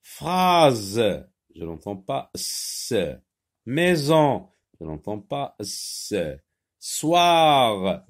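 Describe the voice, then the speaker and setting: Slow, lively-voiced male phonics teacher. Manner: slow, carefully over-articulated words, lively rising and falling pitch. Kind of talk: phonics lesson for young children.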